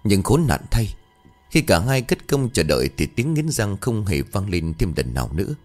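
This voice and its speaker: A man narrates a scripted horror story with dramatic suspense. His deep voice rises and falls widely, and faint music plays beneath the telling. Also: sing-song, normal speed, darkish tone.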